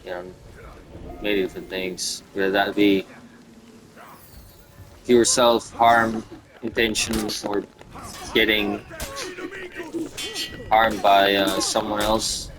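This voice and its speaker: Rambling young man, low voice. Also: little pitch movement, background noise. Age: 20s. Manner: rambling, halting, with many fillers and restarts. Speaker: gaming video creator. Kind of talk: casual reflective monologue.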